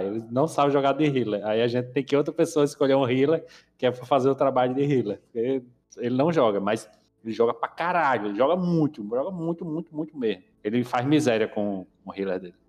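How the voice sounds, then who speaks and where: A man's voice: medium pitch, big-room sound. A young man with a Brazilian Portuguese accent chatting casually, telling stories with slang and swearing. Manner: slangy, swearing, animated storytelling. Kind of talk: casual chat.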